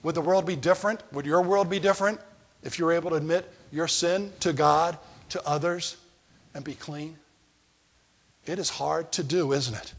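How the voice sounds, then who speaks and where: A man with a voice on the high side, speaking at normal speed, preaches a sermon as a pastor. His delivery is conversational, and he asks the congregation questions.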